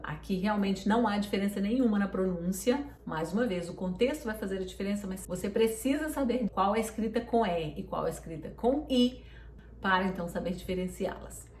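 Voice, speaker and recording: A woman giving an online English pronunciation lesson, patiently repeating words slowly. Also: mid-range voice, darkish tone, slight background noise. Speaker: English teacher. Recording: roomy echo, mic at a distance.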